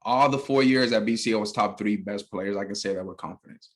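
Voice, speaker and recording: A man's voice: on the low side, a little fast. A man from El Salvador hosting a casual interview, laid-back and slangy, often saying bro. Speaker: host.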